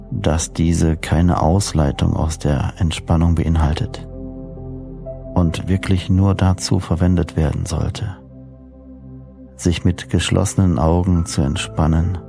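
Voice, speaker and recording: A man narrating a sleep story as guided meditation, soothing and deliberate, with measured phrases and pauses. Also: deep voice, gravelly. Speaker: host and hypnosis coach narrating sleep meditations. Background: new-age music.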